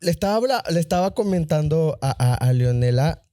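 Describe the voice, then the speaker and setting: A man's voice: fairly high pitch, animated, warm tone, dry recording, clean studio sound. A man from Mexico with a Mexican accent, co-hosting a church podcast in a casual, joking way with frequent restarts. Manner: jokey, laughs often, halting restarts. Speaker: podcast co-host.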